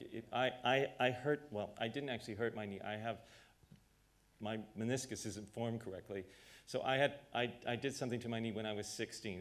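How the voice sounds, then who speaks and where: A middle-aged man from Canada speaks in a slightly low voice, telling things directly and drifting into short anecdotes. He hesitates now and then with small fillers, sounding like a director answering questions in a rehearsal studio. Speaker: artistic director leading a Q&A. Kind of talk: candid conversational talk.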